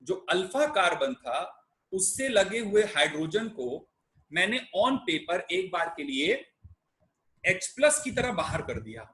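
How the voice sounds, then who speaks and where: A man's voice: high voice, big pitch swings, measured pace, sharp tone, low-quality recording. A young man teaching chemistry in a conversational way, often checking that students are following. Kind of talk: explaining a lecture.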